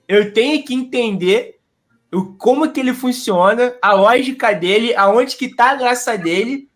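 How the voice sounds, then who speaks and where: A man, a guest explaining how he makes history memes. His voice sits high for a man. He answers in an easygoing, slangy way. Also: measured pace, a bit bright. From Belford Roxo, Brazil. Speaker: guest, history meme creator. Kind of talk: casual interview answers.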